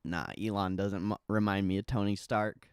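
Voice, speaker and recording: A man's voice: fairly low pitch, little pitch movement, moderate pace, smooth, dry recording, clean studio sound. A young man chatting casually on a livestream like a laid-back crypto bro, slangy and sweary. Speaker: livestream host.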